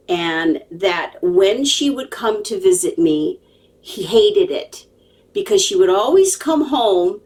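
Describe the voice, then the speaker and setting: The recording is low quality and the mic distant, catching a woman's mid-range, slightly mellow voice. She casually tells her viewers a story on camera with lots of animation and emphasis, going off on tangents and often checking in with them.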